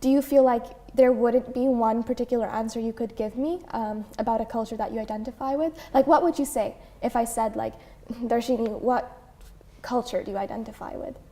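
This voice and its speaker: Soft-voiced young woman hosting an interview. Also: on the high side, fairly even intonation, brisk. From Canada. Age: young adult. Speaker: host.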